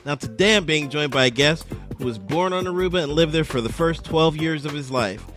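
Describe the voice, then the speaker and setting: A man's voice: a little high, fairly quick, a bit bright, soft background music. A man hosting a podcast in a casual, conversational style, introducing and interviewing. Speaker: podcast host.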